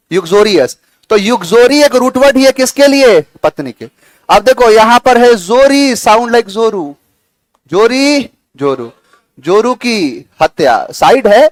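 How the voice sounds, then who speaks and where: A man's voice: high voice, no echo. A man teaching English vocabulary to a class, chatty and coaxing, repeating words and using playful memory tricks. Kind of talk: classroom lecture.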